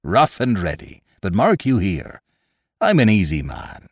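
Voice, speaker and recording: Heavily acted, this audiobook voice has a man sounding out a scheming, one-legged old pirate cook. He speaks low and a little slowly, his pitch swooping wildly, gruff, cunning and persuasive throughout. The studio-quality recording has no echo.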